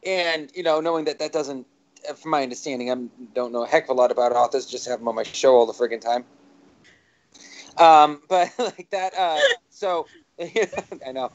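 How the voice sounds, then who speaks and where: A man's voice: a little high, normal speed. A man hosting a live talk show, asking questions in a jokey, rambling way with many fillers. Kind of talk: casual chat. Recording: dull lo-fi sound.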